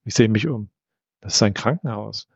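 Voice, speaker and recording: A man narrating a first-person audiobook in a measured storytelling manner. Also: on the low side, vocal fry, slightly rough, no room sound. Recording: dull, slightly lo-fi.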